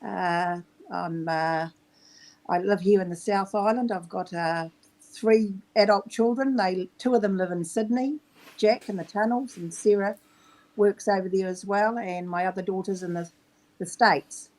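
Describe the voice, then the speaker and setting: Middle-aged New Zealand woman, guest; hesitant, soft-spoken, steady mid-range voice. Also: mid-range voice, measured pace, rough recording. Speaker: podcast guest. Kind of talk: casual interview talk.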